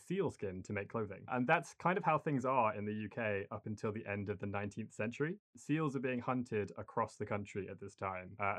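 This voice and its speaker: A man's voice: lowish voice, a bit bright. A man from the UK co-hosting a history podcast, chatting casually and laughing often. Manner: laughs often, says "like" a lot. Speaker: podcast co-host.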